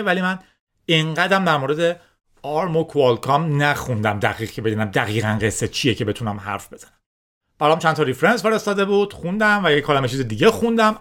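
A man's voice: a little high, fairly bright tone. A man from Iran hosting his own tech news podcast, talking casually and wandering off on side remarks while correcting himself as he goes. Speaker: podcast host.

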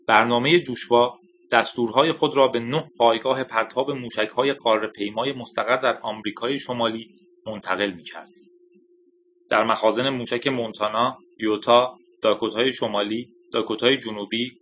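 A man reads a novel aloud at a steady, measured pace. His voice sits at a middle pitch with a bright, forward tone. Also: slight background noise. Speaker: narrator. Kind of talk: audiobook narration.

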